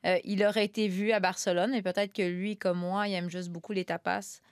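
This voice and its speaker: A woman's voice: medium pitch, flat delivery, a little fast, clean tone, no room sound, clean studio sound. A woman with a Quebec French accent hosting a soccer panel, playful and teasing. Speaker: host. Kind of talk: casual panel talk.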